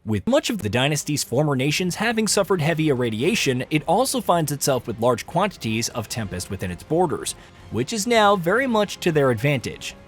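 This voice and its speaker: Male narrator for a scripted gaming countdown list, animated intonation, slightly high voice, music underneath. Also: a little fast. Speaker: video narrator. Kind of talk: scripted top ten countdown narration of a video game.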